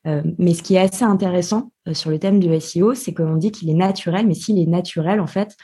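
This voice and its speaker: A woman's voice: on the low side, fairly quick, warm tone, husky. A woman guest on a podcast interview, explaining her work with many hesitations. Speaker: podcast guest, digital marketer.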